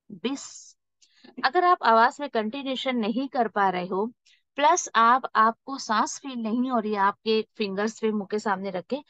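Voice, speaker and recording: A woman teaching Quran recitation rules, explaining patiently and reciting example words slowly and drawn out. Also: medium pitch, fairly bright tone, no echo. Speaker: tajweed teacher. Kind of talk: recorded Quran recitation lesson. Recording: dull, dry lo-fi recording.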